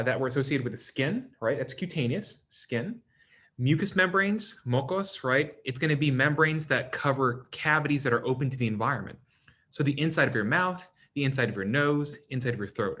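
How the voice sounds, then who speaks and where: A man teaching an anatomy class in a relaxed, conversational way, calling on students by name and checking in with "right?" and "okay?" often. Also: medium pitch. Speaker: anatomy instructor. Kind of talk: classroom lecture.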